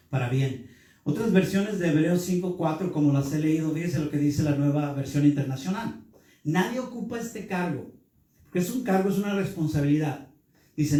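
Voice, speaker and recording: The voice is a man's, on the high side and warm: a pastor teaching a Bible class sermon who constantly asks the room questions. He's recorded from a distance in an echoey church hall.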